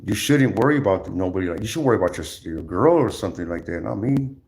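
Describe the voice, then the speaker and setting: A man ranting casually on his livestream, rambling and repetitive, with lots of slang, swearing and halting restarts. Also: on the low side, lively intonation, creaky, a little mellow, a little hiss or hum.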